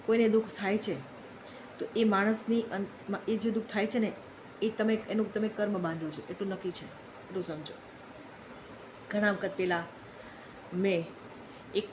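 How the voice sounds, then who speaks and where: A woman's voice: medium pitch, a little hiss or hum, rough recording. A woman giving an earnest, reflective moral talk, telling stories and repeating phrases for emphasis. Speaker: speaker on social issues.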